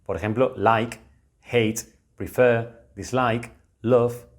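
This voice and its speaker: A man's voice: medium pitch, fairly even intonation, very slow. Young adult man, Spain accent, video-lesson grammar teacher. Patient, explanatory, repeats key points. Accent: Spain Spanish. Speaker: English teacher.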